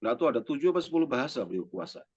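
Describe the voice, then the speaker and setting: A man's voice: medium pitch, very animated, racing, husky, dry recording, muffled recording. A man, a religious teacher, introducing people to a gathering in a chatty, joking way. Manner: chatty and joking, often adds "ya" and "teman-teman". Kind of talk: casual speech to a gathering.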